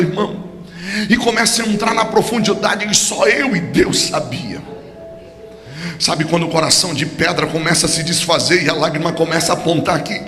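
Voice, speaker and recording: A Brazilian pastor delivering a fervent sermon, his voice pitched high for a man. It rings through a large church hall with a long echo, and music plays clearly beneath him. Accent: Brazilian Portuguese. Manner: fervent preaching, building to shouts. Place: church service.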